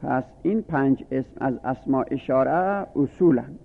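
Male teacher, gravelly, patient drilling delivery; lo-fi phone-band recording in a reverberant space. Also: mid-range voice. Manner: patient, repetitive enumeration, drilling word forms. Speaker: religious studies teacher. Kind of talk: lecture on Arabic grammar. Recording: phone-like lo-fi audio with long reverb.

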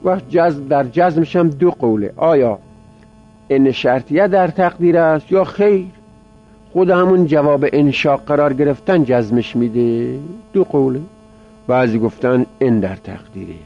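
A male teacher giving a grammar lecture, explaining step by step and repeating words aloud as drills. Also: medium pitch. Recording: dull lo-fi recording with mains hum.

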